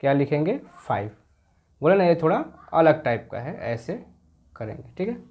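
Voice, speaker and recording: A man teaching a children's maths class, explaining slowly and repeating each point patiently, and reading the English text aloud very slowly. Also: a little high, sing-song, darkish tone. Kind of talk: explaining a school maths lesson.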